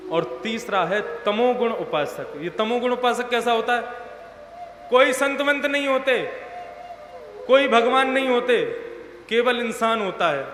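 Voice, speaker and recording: A man's voice: very high-pitched, a bit bright, slight background noise. A male preacher giving a devotional sermon, telling stories and putting questions to the crowd. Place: large discourse hall. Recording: echoey hall with music behind.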